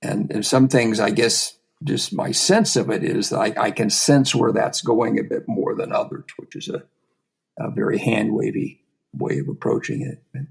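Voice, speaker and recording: A man being interviewed as an astrophysicist, answering in a thoughtful, halting way with many restarts. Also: on the low side, gravelly. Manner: hesitant, with frequent restarts and repeated words. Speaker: guest, astrophysicist.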